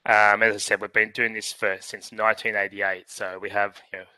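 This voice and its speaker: A man with a croaky, hoarse voice talks through a presentation, pausing and restarting often. His voice sits low yet comes across bright and forceful. The sound is dry and close. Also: flat delivery, no echo, low-quality recording. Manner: halting, many fillers and restarts. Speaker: presenter filling in for a scientist. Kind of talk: meeting presentation over a call.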